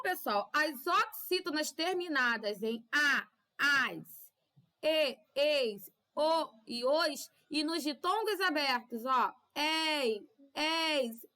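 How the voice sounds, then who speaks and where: Woman, Brazilian Portuguese accent, primary teacher, didactic, high voice. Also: sharp tone. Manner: didactic, drawn-out syllables, frequent "tá?" checks. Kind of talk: recorded remote class for children.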